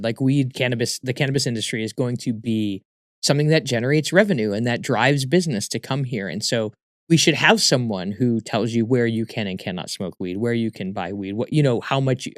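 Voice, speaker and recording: A man talking casually as an interview guest, a comedian telling stories in an animated way with emphatic repeats. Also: mid-range voice, brisk, dry recording, clean studio sound.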